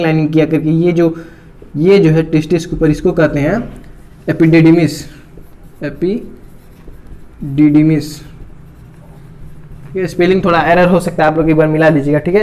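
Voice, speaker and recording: A man's voice: on the high side, a little mellow. A man teaching biology while drawing a diagram, repeating each term and checking in constantly with his students. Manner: repeats terms, checks in with "theek hai" constantly.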